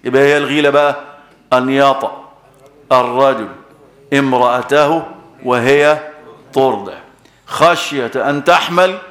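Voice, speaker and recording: A man's voice: medium pitch, steady tone, a little slow, pauses often, fairly bright tone, reverberant. An Egyptian man preaching a sermon with an Egyptian accent, emphatic, repeating key words and quizzing his listeners.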